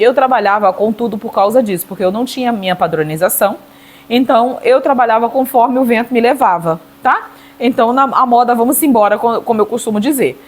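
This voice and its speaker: A middle-aged Brazilian woman with a slightly high voice gives a casual cake decorating tutorial. She's chatty and checks in with her viewers using little tag questions.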